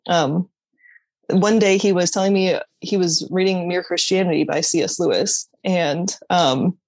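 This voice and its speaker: In a measured, fairly even way, a woman with a lowish, slightly mellow voice recounts her faith journey as an interview guest. She is sincere and frank, restarting sentences mid-thought and laughing now and then. There's no audible room sound.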